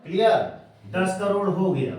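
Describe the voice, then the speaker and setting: A man's voice: sits high, measured pace, very noisy. A man teaching a maths class to children, quizzing them in call-and-response and spelling words out letter by letter. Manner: drills pupils with call-and-response questions. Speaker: coaching teacher. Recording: very echoey room, voice from a distance.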